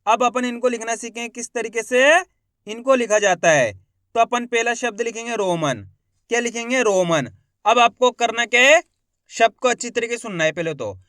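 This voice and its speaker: A man teaching a reading lesson. He sounds out each word slowly, syllable by syllable, and he asks the viewer questions and then answers them. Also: extremely high pitch, fairly bright tone, dry recording, clean studio sound. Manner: slow, syllable by syllable, repeating words.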